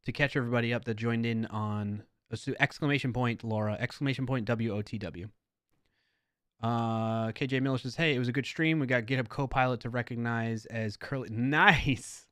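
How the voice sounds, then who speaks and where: A man hosting a casual live coding stream, chatting with his viewers and wandering off on friendly tangents as he works. His voice sits at an ordinary middle pitch. The sound is close and dry. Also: dry recording. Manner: chatty, talks to chat, rambling asides. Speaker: livestream host.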